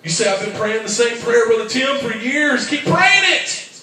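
High-voiced preacher man in an echoing church. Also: expressive, normal speed, distant mic. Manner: fervent, rising to shouts, call-and-response. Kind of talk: sermon. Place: church sanctuary. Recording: very echoey church hall from afar.

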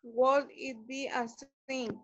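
Brief: shy female student, higher pitch, very slow, dry dull video-call sound. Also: level tone, no room sound. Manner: shy, repeats phrases slowly.

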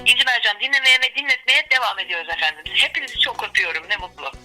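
A woman's voice: on the high side, very fast, pushed and bright, faint music behind. Woman caller on a radio show phone line. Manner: formal and courteous, sends greetings to listeners. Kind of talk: polite live on-air phone chat.

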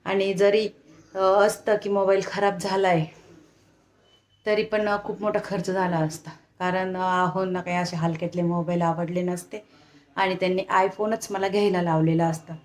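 A woman's voice: on the low side, flat delivery, moderate pace, a little mellow. A young woman chatting casually to viewers of her home vlog, recorded on a hand-held phone, sometimes coaxing her child in a sing-song voice. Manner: chatty, talks straight to viewers. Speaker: home vlogger. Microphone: phone camera held in hand.

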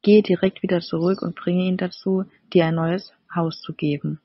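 A woman narrating a fairy-tale audiobook in an even, measured storytelling manner. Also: lowish voice, slightly rough, no room sound. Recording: slightly dull, dry recording.

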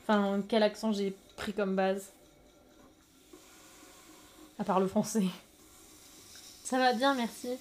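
A young French woman chatting casually with viewers on a live stream, lively and quick to laugh. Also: mid-range voice, slight background noise. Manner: lively, giggly, reacts to chat.

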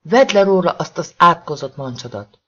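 A man voicing a desperate, furious woman who shouts at her abusive husband, in a storybook reading. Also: medium pitch, big pitch swings, slightly rough, dull audio.

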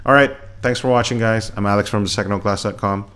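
A man's voice: on the low side, fairly even intonation, fast talker, fairly bright tone, clean tone. Man casually reviewing a microphone. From Philippines. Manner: rambling, many fillers and restarts. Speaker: tech reviewer. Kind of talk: casual unboxing commentary. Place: home room with laptop fan. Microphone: USB desk microphone held close.

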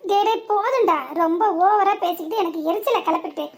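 A woman voicing a rough, mocking male thug in a cartoon. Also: extremely high pitch, a little fast. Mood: taunting. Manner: taunting and rough.

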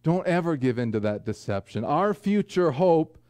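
A man in his forties preaching a sermon from a small church pulpit, earnest with folksy asides and slow, deliberate emphasis. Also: a little high, very animated, mellow, smooth, dry recording. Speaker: pastor. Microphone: pulpit microphone, far camera.

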